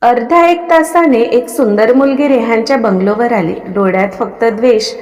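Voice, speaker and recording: A woman narrating a story in a steady, expressive reading. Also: fairly high pitch, moderate pace. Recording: long reverb on the voice.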